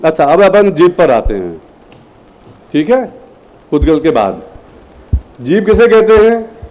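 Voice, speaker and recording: A man with a high but mellow voice teaches a room of students, firing questions at them and nudging them to answer. He talks in a lively, prodding way and acts out how a sentence sounds. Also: a little slow, low-quality recording. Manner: lively, prodding, demonstrates phrasing aloud. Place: classroom at a training camp.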